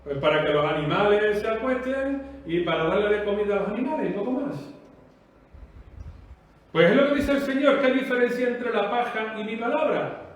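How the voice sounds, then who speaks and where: A man preaches in a Spanish-from-Spain accent, his voice pitched high and driving. He stacks rhetorical questions and repeated phrases in a forceful cadence. The sound is distant and heavily echoing, as if caught from across a bare room. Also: expressive, normal speed. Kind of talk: sermon. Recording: echoey room, voice off-mic.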